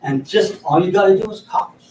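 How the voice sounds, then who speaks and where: Chatty older-sounding trainer in echoey room. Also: male voice, sits high, a little fast, darkish tone, slight background noise. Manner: chatty, anecdotal, chuckles between points. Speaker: mediation trainer. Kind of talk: informal training lecture. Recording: echoey room, mic far off.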